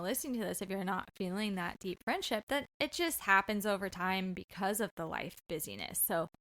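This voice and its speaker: Woman, podcast co-host, casual chat, earnest, steady, mid-pitched. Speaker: podcast co-host with her husband.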